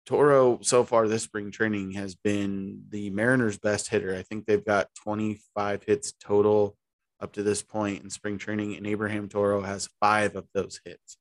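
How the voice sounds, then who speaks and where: A man's voice: lowish voice, little pitch movement, normal speed, dry recording. A man co-hosting a podcast, chatting casually about baseball in a rambling, easygoing way. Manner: rambling, easygoing, restarts mid-sentence. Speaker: podcast co-host. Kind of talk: casual sports chat.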